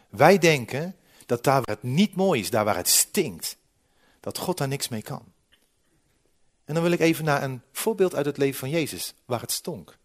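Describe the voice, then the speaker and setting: A man preaching a sermon with slides, lively and humorous, often dropping from loud to quiet. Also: medium pitch. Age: 40s.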